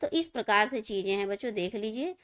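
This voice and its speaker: Woman hindi teacher doing a video class, reads out wrong words then the right ones, talks to the kids directly, middle pitch. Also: expressive, fast talker, a bit bright. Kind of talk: classroom-style video lesson.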